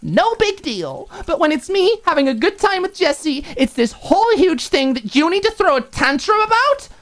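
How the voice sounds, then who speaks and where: A woman performing audiobook character work plays an angry, wounded young roommate whose exasperated rant is full of sarcastic, emphatic rhetorical questions. She raises her voice very high, above her own natural register, with big pitch swings at a moderate pace.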